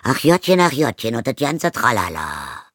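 Sheila, a man putting on a loud, sneering stepmother. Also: mid-range voice, very animated, moderate pace, no room sound, studio quality, voice pushed up. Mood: mocking. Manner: loud, sneering, mumbling with a full mouth. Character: crude greedy stepmother, loud and mocking. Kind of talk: audiobook character voice.

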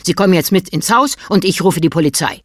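A woman voicing a stern, gruff middle-aged man who barks and scolds, in a dry recording. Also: fairly low pitch, expressive, fast, no echo. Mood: scolding. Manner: barking, scolding.

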